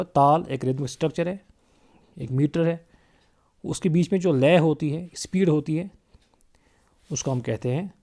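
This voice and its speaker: A male music teacher explains rhythm at an unhurried, deliberate pace. His voice is dark and mellow, and he counts out drum syllables in an even beat while reading definitions slowly and carefully. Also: fairly high pitch. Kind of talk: spoken music lesson mixing Hindi and English.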